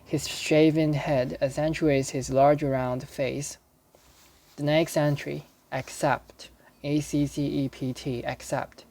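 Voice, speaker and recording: Man slowly reading dictionary entries aloud. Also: on the high side, level tone, vocal fry, darkish tone. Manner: careful, halting reading with self-corrections; spells words out letter by letter. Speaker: English learner.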